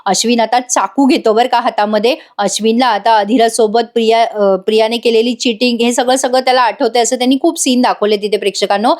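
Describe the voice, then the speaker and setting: A woman's voice: fairly high pitch, fairly even intonation, brisk, few pauses, darkish tone. A woman chattily recapping a television serial episode in a voice-over, speaking straight to her viewers. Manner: chatty, addresses viewers directly. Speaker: tv serial reviewer.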